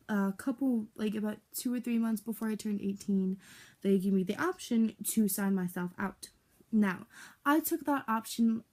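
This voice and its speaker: A young woman of about eighteen, from the United States, speaks in a mellow, softly dark voice as she talks through her life story at home. She is candid and halting, full of "um" and "like", stopping and restarting as she goes. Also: medium pitch, creaky. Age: young adult. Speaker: vlogger. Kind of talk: personal life story vlog.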